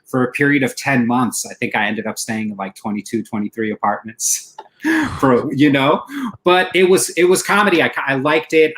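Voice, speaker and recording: A man's voice: mid-range voice, fairly bright tone, rough recording. A man in his forties who grew up in the Middle East, a comedian chatting casually as a guest, rambling and repeating himself. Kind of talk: casual interview chat.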